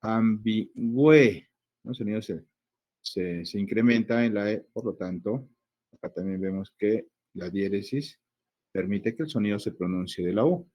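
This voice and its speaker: Low, husky Peruvian Spanish teacher. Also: male voice, highs cut off. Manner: explains step by step, checks with frequent ¿no? and ¿ya?; stretches out words slowly to sound out syllables. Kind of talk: classroom grammar lesson.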